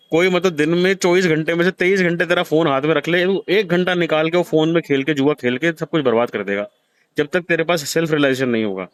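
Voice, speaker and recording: A man's voice: fairly high pitch, clear, resonant tone, no echo. A man in his thirties, hosting, gives a blunt, profane scolding to a gambler in a harsh heart-to-heart lecture. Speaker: host counseling a gambler.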